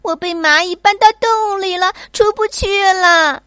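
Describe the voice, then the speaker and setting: A woman voicing a small, easily frightened child in a bedtime storybook, with a high pleading voice. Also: a little slow, fairly bright tone, dry recording, clean studio sound. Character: small scared little child, whiny.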